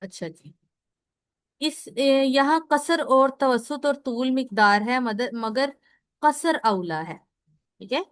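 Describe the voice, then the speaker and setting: A woman gives a recorded lesson on Quran recitation, explaining each point in turn and pausing to check that her listeners follow. Her voice is smooth, resonant and slightly high. The sound is dry and close, with no room echo. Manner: explains step by step, often checking in with "ठीक है"; asks questions and answers them herself. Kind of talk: recorded lecture.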